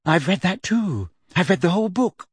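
An eager, clever schoolgirl, put on by a male narrator answers in a raised, clear, carrying voice. She sounds sure of herself and quick. The recording is close and dry. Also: high voice, expressive, no echo, pitched above the performer's own voice. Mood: confident.

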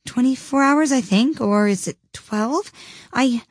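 A woman's voice: a little high, measured pace, slightly rough, no room sound, studio quality, pitched above the performer's own voice. A woman voicing a polite, timid young girl who speaks carefully and eagerly.

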